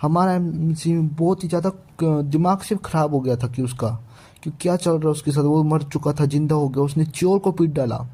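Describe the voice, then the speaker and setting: A man's voice: a little high, normal speed, mellow. A man casually retelling a manhwa chapter, with frequent restarts and fillers. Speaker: manhwa recap narrator. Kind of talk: casual story recap.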